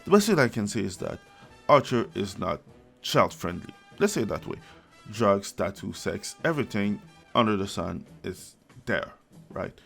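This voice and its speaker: A man rants about a cartoon in a casual, sarcastic way, swearing often. His voice is gravelly and low. He talks slowly, and his pitch swings widely. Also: animated, a bit bright. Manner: blunt, sarcastic, swears freely, laughs mid-sentence. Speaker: video commentator. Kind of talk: casual opinion commentary. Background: background music.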